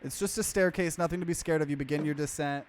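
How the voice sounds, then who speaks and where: A man with a fairly high voice narrates a let's play, reading on-screen text plainly before drifting into offhand, casual commentary. He talks fast in a steady tone, and the audio has slight hiss or hum.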